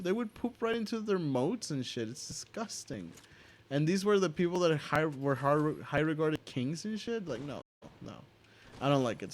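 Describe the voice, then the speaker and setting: A man's voice: fairly high pitch, slight background noise. A young man from the United States, hosting a casual, profane opinion rant full of restarts and asides. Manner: profane, rambling, with many restarts and filler asides. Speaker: host.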